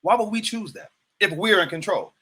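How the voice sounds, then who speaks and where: A man's voice: high-pitched, fairly quick, sharp tone, slightly rough. A man in his fifties hosting a livestreamed motivational talk, preaching to viewers, repeating phrases and asking them questions directly. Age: 50s. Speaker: host.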